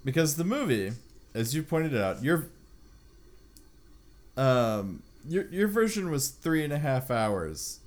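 A man co-hosting a podcast, recounting things in an animated, wry conversational way. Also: a little high, takes it slowly, long pauses. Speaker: podcast co-host. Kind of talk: casual chat.

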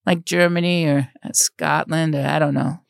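Joking woman podcast co-host, low voice. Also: fairly even intonation, moderate pace, creaky, dry recording, studio quality. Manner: joking, banters and riffs. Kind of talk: casual chat.

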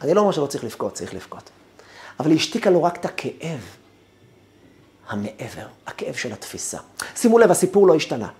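Man, rabbi, lecture, animated pitch, emphatic, rhetorical questions. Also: long pauses. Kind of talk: Torah lecture with storytelling.

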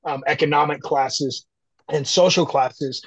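A man's voice: on the high side, steady tone, measured pace, husky, no room sound, rough recording. A man speaking earnestly and reflectively as a guest in a conversational podcast interview, from the United States. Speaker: guest artist.

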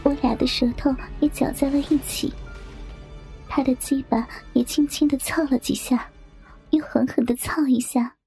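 A young woman reading a story aloud in hushed, intimate whispered narration. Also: high-pitched, steady tone, normal speed, faint music behind. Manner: hushed, intimate, breathy delivery.

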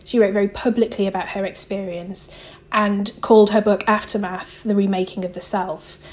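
A woman's voice: medium pitch, steady tone, moderate pace, a little mellow. A woman author and theologian answering interview questions in a reflective way, thinking aloud as she goes.

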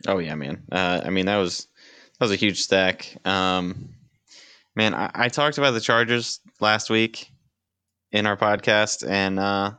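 A man with a deep, clear voice co-hosts a sports podcast. His delivery is casual, dry and laid-back. The recording is close, with almost no room sound. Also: measured pace, pushed and bright, no echo. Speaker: podcast co-host. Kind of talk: casual fantasy sports chat.

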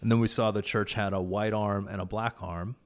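In a fairly low, steady, brisk voice, a man who organized a prayer event talks as a guest about the gathering. He's casual and earnest in this conversation about faith, often using fillers and starting sentences over.

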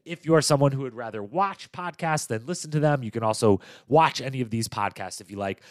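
A man with a nasal, congested voice hosts a casual podcast, chatty and playful. His pitch sits in an ordinary middle range, and the sound is close and dry, with no room echo. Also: a little fast. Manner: chatty, self-promoting, playful asides. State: stuffy nose from a cold. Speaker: podcast host. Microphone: studio microphone.

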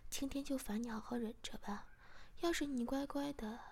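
A woman's voice: high-pitched, steady tone, normal speed, creaky, darkish tone, husky, exaggerated voice. A woman voicing a teasing, domineering man in whispered role-play, with a bossy manner.

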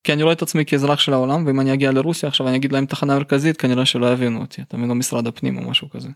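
Creaky-voiced man with a Russian accent. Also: medium pitch, flat delivery, no room sound, studio quality. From St Petersburg, Russia. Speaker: musician, interview guest. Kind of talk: casual interview talk.

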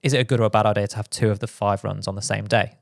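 Quick-talking British man co-hosting. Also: lowish voice, fairly even intonation, creaky, no room sound, clean studio sound. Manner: quick, with frequent restarts and fillers. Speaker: podcast co-host. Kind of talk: casual podcast chat.

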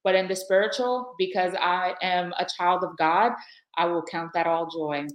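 A middle-aged woman telling a candid, lively personal story in a casual faith-based chat. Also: fairly low pitch, normal speed. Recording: echoey room.

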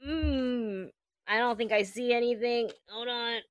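A woman playing in a tabletop game, describing her character's actions in a hesitant, halting way. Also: on the high side. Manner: hesitant, halting, full of restarts. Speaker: player. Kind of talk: casual tabletop role-play.

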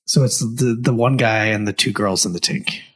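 A man co-hosting a podcast in casual chat, chiming in with quick, incredulous questions and laughter. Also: lowish voice, steady tone, a bit bright. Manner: reacts with incredulous short questions. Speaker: podcast co-host.

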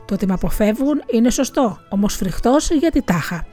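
A woman voicing Death as a cloaked figure, speaking slowly and eerily in a storybook tale. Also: a little high, lively intonation, warm tone, faint music behind, natural voice. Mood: eerie.

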